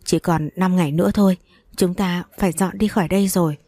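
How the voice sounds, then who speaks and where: A woman voicing a sorrowful temple abbot who speaks softly, heavy with sadness. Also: lowish voice, fairly even intonation, fairly quick, no echo.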